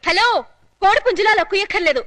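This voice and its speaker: A sharp-tongued young mother in a film comedy. She fires quick, sarcastic comebacks in a very high voice. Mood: snappy. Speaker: young mother in a pretend marriage.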